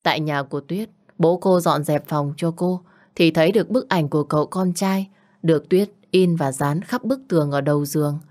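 Warm, deep-voiced female storyteller. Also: moderate pace. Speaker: audiobook narrator. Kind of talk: dramatic audiobook reading.

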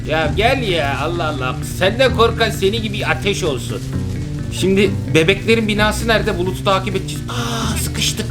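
A young father hosting a casual let's-play, reacting with dramatic exclamations and teasing. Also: high voice. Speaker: father and gaming channel host. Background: background music.

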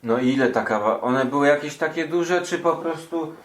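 A man's voice: on the high side, moderate pace, over a noisy crowd. A man casually interviewing his grandmother, asking informal, inquisitive questions with a teasing streak.

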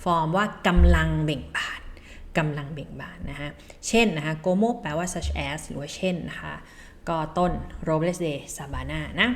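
A woman from Thailand teaching Spanish vocabulary in a casual, chatty way, reading example phrases slowly and laughing at her own slips. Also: low-pitched, slight background noise. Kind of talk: casual language lesson.

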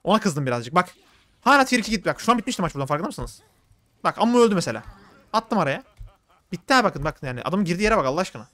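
A man streaming a video game, giving quick play-by-play and complaining about his teammates. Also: sits high, very animated, a bit bright, dry recording. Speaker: gaming streamer. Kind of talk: live gameplay commentary.

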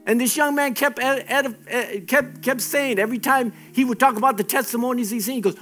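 A man's voice: extremely high pitch, a little fast, a bit bright, faint music behind. A man preaching a sermon as pastor, emphatic and exhorting, often repeating his phrases.

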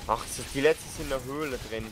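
A man with an average-pitched voice comments casually on co-op gameplay. He talks in a slangy, grumbling way, with clear game noise behind him. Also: quick pace. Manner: colloquial, grumbling, swearing. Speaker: let's player.

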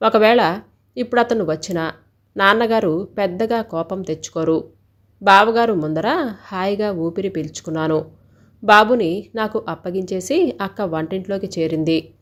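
A woman reading a scripted first-person story in a steady, even storytelling delivery. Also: medium pitch.

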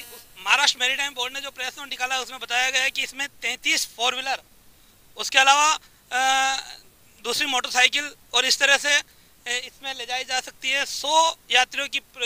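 A middle-aged man reporting the news outdoors on a seaside jetty, speaking into a handheld mic with a steady, informative delivery and frequent filler sounds. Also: extremely high pitch, smooth, no echo, low-quality recording.

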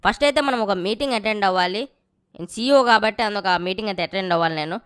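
A woman's voice: mid-range voice, racing, fairly bright tone, smooth. A young woman giving casual, rowdy, playful gameplay commentary and swearing freely. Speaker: gaming channel host.

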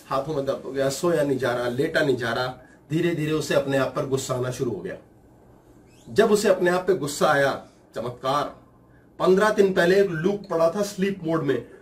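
A man giving a motivational talk, telling a household story with lively, quick mimicking voices. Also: on the high side, distant mic. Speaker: motivational speaker.

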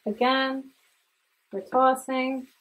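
The audio is poor, and the young cooking vlogger's high, slightly bright voice is fairly even and extremely slow. Still, this young adult woman is casual, chatty, and enthusiastic as she demonstrates cooking in her home kitchen, filmed by a camera on a stand that's close for talking and further back at the stove.

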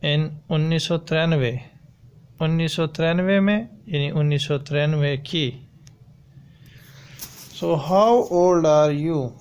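A man teaching a language lesson, slowly repeating each word and phrase as he drills it. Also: on the high side, fairly even intonation, darkish tone, smooth. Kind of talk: slow, repetitive language lesson. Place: voice-over on a slide video.

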